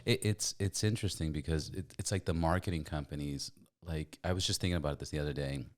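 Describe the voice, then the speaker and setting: A man's voice: extremely low pitch, fast. A man hosting a podcast, chatting animatedly and swearing casually as he makes his points. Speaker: podcast host. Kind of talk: casual conversational interview.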